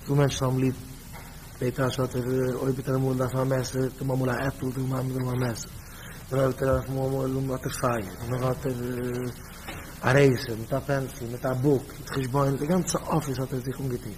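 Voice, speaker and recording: Emphatic Yiddish-accented rabbi preaching. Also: male voice, medium pitch, level tone, moderate pace, darkish tone, a little hiss or hum, poor audio. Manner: storytelling, repeats phrases, rises to emphatic bursts. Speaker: rabbi giving a talk.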